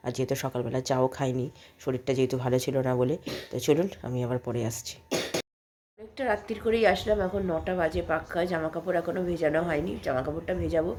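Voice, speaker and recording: Woman vlogger, sick with a cold, lowish voice, faint background noise. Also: quick pace, darkish tone. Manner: chatty, rambling, homely. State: coughing, with a cold. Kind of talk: casual daily vlog narration. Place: home.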